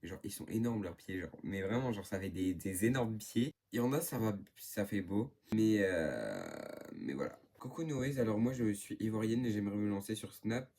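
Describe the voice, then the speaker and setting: A man's voice: on the low side, animated, moderate pace, dark tone. A teenage boy from northern France answering viewer questions in a casual, rambling vlog, full of fillers. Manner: chatty, rambling, lots of fillers. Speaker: YouTuber.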